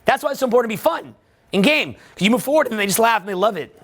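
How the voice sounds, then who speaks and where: A man's voice: very high-pitched, animated, very fast, heavy background noise. A man giving emphatic, profane voice-over commentary as a dating coach.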